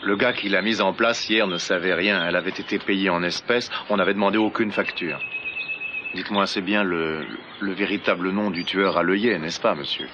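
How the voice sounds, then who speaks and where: An actor playing an uneasy, deferential witness in a dubbed TV soap, speaking hesitantly. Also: male voice, sits low, steady tone, moderate pace, noisy background, close to an everyday voice. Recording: dull sound with music behind.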